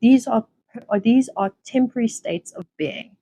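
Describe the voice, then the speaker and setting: A woman hosting a self-development talk, explaining mindfulness ideas in a gentle, conversational way with fillers and restarts. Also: fairly high pitch, moderate pace, breathy edge. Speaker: self-development podcast host. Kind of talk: reflective teaching monologue.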